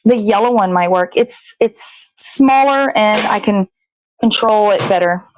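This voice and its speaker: While she cooks, a daily puppet show host chats casually, rambling to herself and cursing freely in a medium-pitched voice at a measured pace. The recording is rough, with slight background noise.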